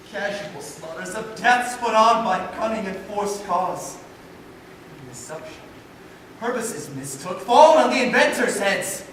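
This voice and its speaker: Solemn grieving friend acted by a man, high and echoey. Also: a bit bright. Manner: declamatory, emphatic. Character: grieving loyal friend of a dead prince, solemn. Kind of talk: theatrical Shakespearean stage acting. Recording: echoey hall, distant mic, faint noise.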